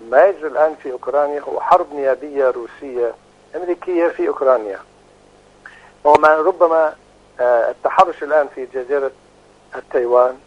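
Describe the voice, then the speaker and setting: Man speaking on a tinny phone line. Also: a little high. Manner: measured, emphatic analysis with frequent hesitations. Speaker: expert guest.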